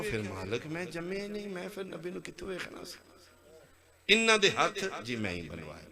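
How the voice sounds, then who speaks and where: A man with a Punjabi accent preaching an impassioned sermon at a religious gathering, acting out dialogues and rising to loud exclamations. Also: mid-range voice. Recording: live gathering with crowd heard. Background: crowd.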